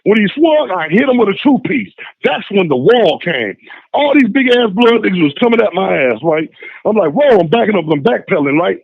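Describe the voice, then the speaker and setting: A man calling in by phone to tell a story in casual chat, lively and acting out the voices of the people in it. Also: sits high, a little fast, creaky, husky, no echo. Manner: animated, acts out voices in his stories. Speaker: phone-in guest. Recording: tinny phone line.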